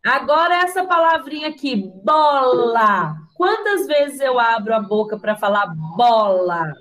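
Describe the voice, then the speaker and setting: A woman's voice: high-pitched, normal speed, a bit bright, poor audio. A woman with a Brazilian Portuguese accent teaching young children in an online class. She is patient, spells words out syllable by syllable and asks the class questions. Her voice comes through a video call from a computer. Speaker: primary school teacher.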